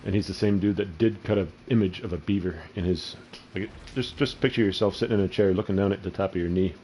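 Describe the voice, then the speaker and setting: A man's voice: low voice, fast, a little mellow, slight background noise, poor audio. A man giving casual, profane gameplay commentary and rambling into crude stories. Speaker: gaming channel host.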